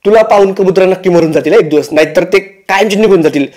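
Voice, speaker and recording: Mocking man roasting with a high voice. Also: fast talker, a little mellow. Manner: mocking, teasing. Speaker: roast host. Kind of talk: comic roast commentary.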